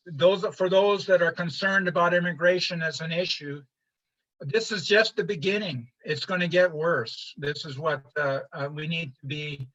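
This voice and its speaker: Older man lecturing, bright muffled voice. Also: fairly high pitch. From Honduras. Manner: halting, many fillers and restarts. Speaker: presenter. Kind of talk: informal slide lecture. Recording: muffled lo-fi livestream audio.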